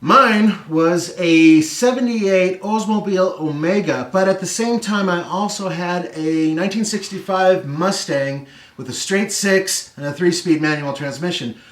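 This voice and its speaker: A middle-aged man from California hosting a car show, telling casual stories with lively anecdotes and dry asides while seated on a living room floor. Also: sits high, measured pace. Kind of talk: casual storytelling chat. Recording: roomy echo, distant mic.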